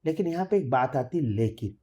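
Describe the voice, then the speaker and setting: A woman who is a classical singer, explaining thumri in a thoughtful, measured way with frequent hesitant fillers. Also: very deep voice, animated, warm tone. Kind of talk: explanatory talk with sung examples.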